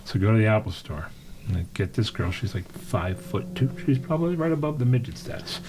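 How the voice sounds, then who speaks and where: A man's voice: lowish voice, brisk, slight background noise, poor audio. Profane, storytelling male podcast co-host. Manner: profane, animated storyteller acting out shouting. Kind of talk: casual chat.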